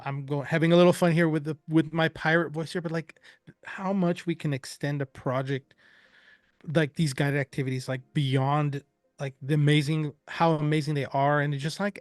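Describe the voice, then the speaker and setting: A man presenting a live software demo, chatty and enthusiastic, rambling with fillers. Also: a little high, dry recording, clean studio sound.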